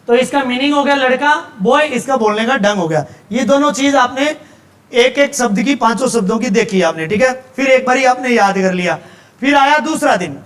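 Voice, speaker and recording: A man's voice: very high-pitched, fairly bright tone. A male teacher with a Haryanvi accent giving a classroom lecture, explaining step by step and checking in with his students often.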